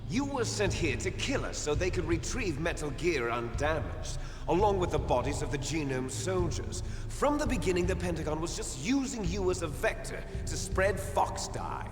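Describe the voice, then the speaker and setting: An actor playing a smug, scheming villain in a video game, a treacherous twin brother with a taunting, theatrical delivery. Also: male voice, a little high, big pitch swings, normal speed. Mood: scornful. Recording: echoey hall reverb, game music behind.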